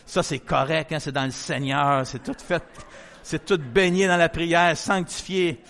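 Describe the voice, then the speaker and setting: A man's voice: fairly high pitch, takes it slowly, vocal fry. A middle-aged man with a Québécois French accent, a pastor telling a story in a sermon and acting out the dialogue. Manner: lively storyteller who acts out quoted dialogue. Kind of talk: testimony-style sermon storytelling.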